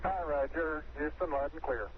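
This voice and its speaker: A man playing a calm astronaut, his measured, halting speech heard over a helmet radio. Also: a little high. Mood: steady. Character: male astronaut on the lunar surface, calm and measured. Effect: helmet radio transmission. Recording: tinny radio link with faint hiss.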